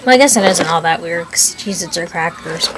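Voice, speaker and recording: A woman's voice: fairly low pitch, brisk. Young woman doing a mukbang, rambly chatty talk with some swearing, noisy background hiss. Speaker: mukbang vlogger. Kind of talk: casual chat while eating. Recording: noticeable background noise.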